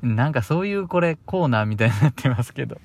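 A man's voice: mid-range voice, expressive, fast, darkish tone. Bashful man with a Kansai accent. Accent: Kansai Japanese. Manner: bashful, chuckling, loose rambling pace. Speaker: radio host. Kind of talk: casual solo radio talk.

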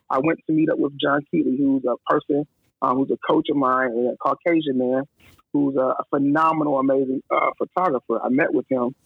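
A man's voice: mid-range voice, no room sound. A man, a photographer and guest, telling his story in casual conversation and animatedly acting out the lines of the people he quotes. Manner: animated, acts out quoted dialogue. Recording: dry, husky, phone-like line.

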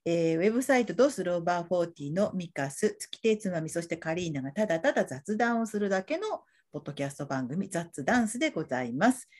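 Lowish-voiced woman hosting a podcast. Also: sing-song, quick pace, hardly any pauses, darkish tone. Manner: polite, formal show-opening phrasing. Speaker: podcast host. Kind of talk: casual podcast chat.

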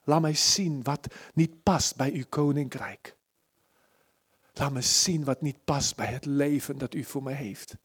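A man preaching a sermon at a church service, impassioned, moving between loud pleading and hushed near-whispers. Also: mid-range voice, a little slow, slightly rough.

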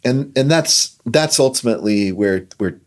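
A man's voice: mid-range voice, lively intonation, normal speed, a little mellow. A man explaining a hymn line by line in an earnest, reflective podcast conversation.

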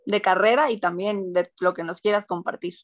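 A woman's voice: mid-range voice, steady tone, moderate pace. A woman, a podcast host asking questions in casual chat. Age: 30s.

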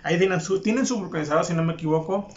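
Young Mexican man, profane and mocking storyteller, fairly high voice; echoey, dull lo-fi recording. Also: rapid-fire. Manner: crude, profane and mocking, with frequent laughs. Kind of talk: casual anecdote monologue. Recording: echoey room, dull lo-fi sound.

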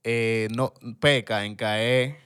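A smooth, resonant male voice with a Dominican accent and a medium pitch. He hosts a casual movie podcast, speaking colloquially and mixing in slang and English words. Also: steady tone, extremely slow, fairly bright tone. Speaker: podcast host. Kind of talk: casual film podcast chat.

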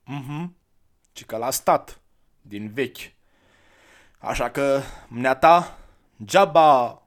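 A man voicing a thin, ragged village boy of seven or eight who is sullen and distrustful, in a raised, shouting child voice. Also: mid-range voice, pitched above the performer's own voice, close to an everyday voice.

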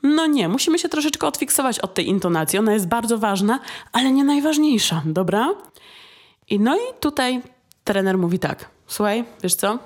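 A woman vocal coach giving a casual video lesson, chatty and often checking in with quick questions like "right?". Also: on the high side, expressive. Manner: acts out students and sings short demonstrations.

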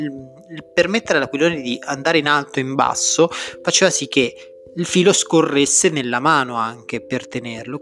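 A man, a teacher, reads a passage from a novel aloud and then explains it to students in a steady, measured way. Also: medium pitch.

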